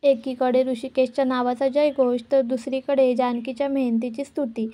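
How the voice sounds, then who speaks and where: High, mellow-voiced woman narrating dramatically. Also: little pitch movement, moderate pace. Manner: dramatic, addresses viewers directly. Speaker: serial episode reviewer. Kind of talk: scripted storytelling narration.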